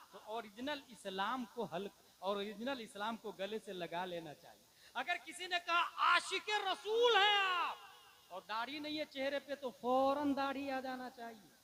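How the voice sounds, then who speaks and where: A man preaching a sermon, shifting from quiet talk to shouted, impassioned peaks and quick Arabic recitation. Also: sits high, rough recording. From India. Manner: breaks into rapid Arabic recitation. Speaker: Islamic preacher.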